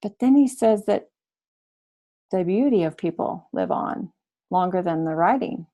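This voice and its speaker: A woman teacher giving an online high school humanities lesson, explaining slowly and thinking aloud as she goes. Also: animated, mellow. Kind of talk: online class lecture.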